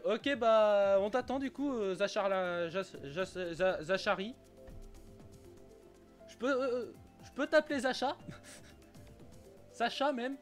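Casting: male game streamer, high voice, rambling casual chat over faint game music. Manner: chatty, stumbling, repeats himself, swears casually. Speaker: Twitch streamer playing a kart racing game.

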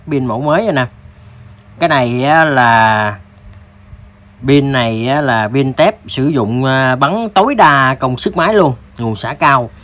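A man with a southern Vietnamese accent giving a casual, halting sales demo, addressing viewers informally like buddies. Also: medium pitch, a bit bright. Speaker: tool seller presenting products.

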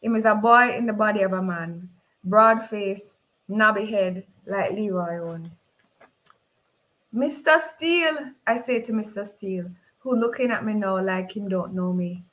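Author reading from her novel, slow measured dialect delivery, middle pitch. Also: steady tone, a bit bright, rough recording.

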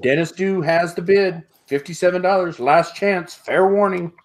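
There's slight background noise as a middle-aged man runs a live online auction at a moderate pace from his home, in a room full of sports memorabilia. His slightly high voice repeats bid calls in a steady pattern, broken up by frequent laughter, and it's captured by an earbud headset during a video call.

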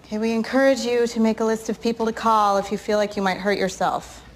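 An actress playing a calm, measured doctor who explains treatment in a TV drama. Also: female voice, fairly high pitch, slight background noise, lightly acted. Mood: clinical. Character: calm clinical woman doctor. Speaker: TV drama character.

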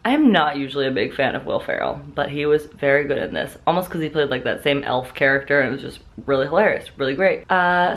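She's a daily vlogger in her twenties with a low-pitched voice, chatting casually to the camera she holds at arm's length. Filming moves between streets, shops and rooms at home. Music is clearly heard behind her speech.

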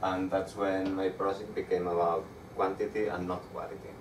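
A young man with a Spanish accent presents a technical talk to a meetup crowd, his voice low and flat. He stumbles and restarts often as he explains. The sound is distant and roomy, with noise in the background. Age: young adult. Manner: halting, with frequent restarts. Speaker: meetup speaker. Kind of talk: conference talk with slides. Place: dark room with projector screen. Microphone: far camera. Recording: echoey room, distant mic, audible background noise.

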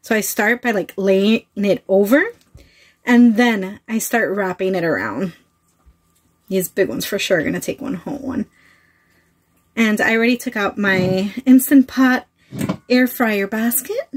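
Chatty husky woman cooking on camera. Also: medium pitch, unhurried, pauses often, no room sound, poor audio. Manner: chatty, laughs often, talks while working. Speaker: cooking vlogger. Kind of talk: casual cooking chat to camera. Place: small trailer kitchen indoors. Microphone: phone-plugged mic near the counter.

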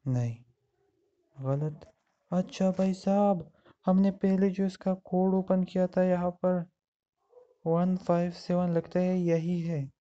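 A man's voice: high-pitched, fairly even intonation, takes it slowly, warm tone, muffled recording. A man giving casual gameplay commentary as a gamer, chatting to himself while he works through a puzzle game.

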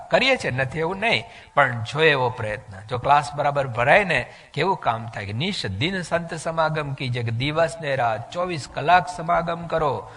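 Bright-voiced man preaching in a reverberant hall. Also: a little high. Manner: animated storytelling with mixed-in English phrases. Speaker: religious speaker giving a discourse. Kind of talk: devotional sermon.

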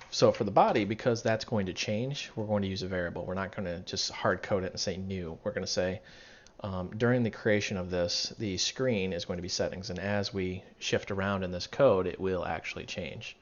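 Thinking out loud and fixing his own mistakes, a man talks through code in a casual screen-recorded tutorial. His low-pitched voice moves fairly quickly but is going raspy as he loses it. Keyboard typing and clicking sit behind him, and the lo-fi mic sounds dull.

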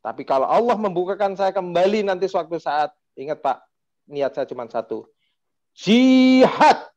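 A man's voice: a little high, fairly quick. A man, telling a story with feeling on a panel talk. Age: 40s. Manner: emotional, animated storytelling with acted quotes. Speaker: panel speaker, former regent. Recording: dull lo-fi sound.

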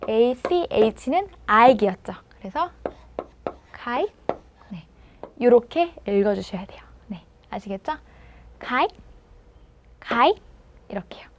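A woman teaching pronunciation in a video lesson, patiently prompting and sounding words out slowly. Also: on the high side, background noise. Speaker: language teacher.

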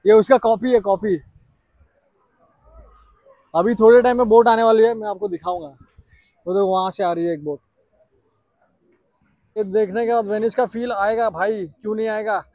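एक युवा पुरुष ट्रैवल व्लॉगर, बाहर पर्यटन पार्क में कैमरे से बोलते हुए, उत्साह से बातें करता है और हिंदी में अंग्रेज़ी शब्द मिलाता है।. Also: male voice, high-pitched, moderate pace, pauses often, no echo, muffled recording. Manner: chatty, excited, mixes English into Hindi. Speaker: travel vlogger. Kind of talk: casual travel vlog.

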